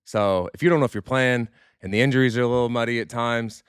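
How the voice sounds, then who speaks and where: Speaking at a quick pace with a clean tone, this ex-pro baseball player turned podcast host keeps the conversation casual. His voice sits at medium pitch, recorded cleanly in a studio with no room sound. He's loose and candid, dropping occasional swear words and repeating himself as he restarts.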